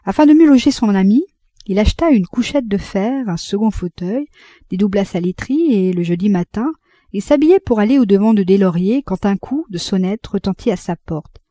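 A woman narrating a literary audiobook in a measured, expressive reading. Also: medium pitch, dry recording. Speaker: audiobook reader.

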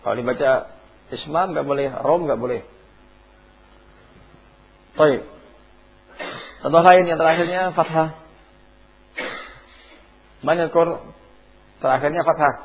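This tajwid teacher has a fairly high, breathy-edged voice and speaks slowly with long pauses, captured on dull lo-fi classroom tape. He puts questions to his students about Quranic recitation rules and chants the examples between them.

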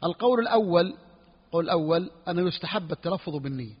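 Fast, husky sheikh teaching jurisprudence. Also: male voice, high-pitched, expressive. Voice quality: husky, clears throat often. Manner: repeats phrases, asks students "clear or not?". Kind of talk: classroom lesson explaining a fiqh text. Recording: dull recording with long hall reverb.

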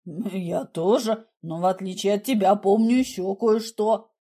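A woman reading an audiobook, voicing a condescending adult man who talks in a dry, mocking, unhurried way. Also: mid-range voice, mellow, breathy edge, pitched below the performer's own voice. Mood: mocking calm.

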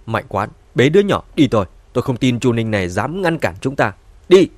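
A man's voice: mid-range voice, expressive, fairly quick, natural voice. A man playing a hot-tempered old patriarch. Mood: indignant. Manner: commanding, indignant.

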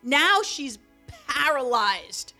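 A middle-aged woman telling a long story about her daughter in a lively, animated way, acting out quotes. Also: very slow, faint music behind. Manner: animated, acts out quotes with big pitch jumps. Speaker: co-speaker, mother of the other speaker. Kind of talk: storytelling talk.

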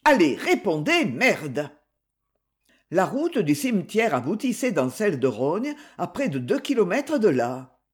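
An audiobook reader narrating a novel with steady, expressive reading. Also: mid-range voice, normal speed.

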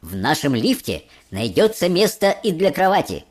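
A man voicing a brisk, cheerful, eccentric chocolate factory owner in an audiobook. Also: a little high, wildly swooping pitch, voice pushed up. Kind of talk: audiobook character voice.

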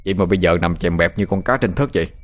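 A man voicing a bewildered older father who asks bluntly and quickly. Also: sits low, faint music behind, lightly acted. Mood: puzzled.

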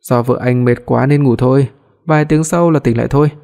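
Người đàn ông đọc ông bác sĩ điềm tĩnh. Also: male voice, medium pitch, steady tone, brisk, creaky, mellow, lightly acted. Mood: reassuring. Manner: reassuring. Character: calm older male doctor.

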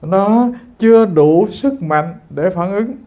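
Man, Buddhist preacher, earnest and storytelling, warm and slightly high. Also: expressive, slow. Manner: addresses listeners repeatedly, earnest and storytelling. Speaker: Buddhist monk giving a dharma talk. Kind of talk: sermon.

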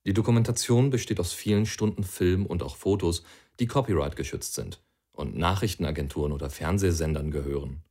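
A man's voice: deep voice, brisk, warm tone. A man reading an argumentative passage aloud in an earnest, persuasive way. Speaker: audiobook reader.

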